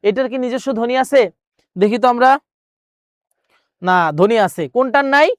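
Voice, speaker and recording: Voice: mid-range voice, normal speed, no room sound, clean studio sound. Repetitive teacher drilling quiz answers. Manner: drills by repeating words and questions; asks viewers then answers itself. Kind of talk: exam-prep grammar lesson.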